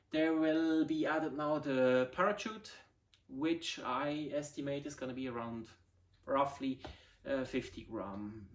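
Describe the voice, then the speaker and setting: In a voice on the high side, a Swiss German native in his forties hosts a casual hobby video about model rockets. He speaks English with a Swiss German accent, haltingly, using many fillers while he looks for words.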